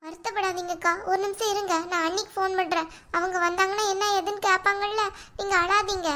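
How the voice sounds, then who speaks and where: Woman voicing Radha, a very high caring young neighbor. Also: little pitch movement, fairly quick, sharp tone. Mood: soothing. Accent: Kanyakumari Tamil. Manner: soothing, concerned.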